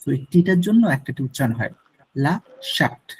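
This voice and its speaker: A man teaching an online French lesson, explaining slowly, repeating words and mixing in English. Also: fairly high pitch, big pitch swings, slightly rough.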